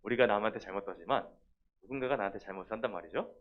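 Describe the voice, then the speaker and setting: A man preaching a children's sermon in a lively way, talking straight to the kids and acting out little scenes. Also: lowish voice, racing. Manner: lively, talks directly to the children and acts out quotes. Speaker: children's pastor. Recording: dull lo-fi sound.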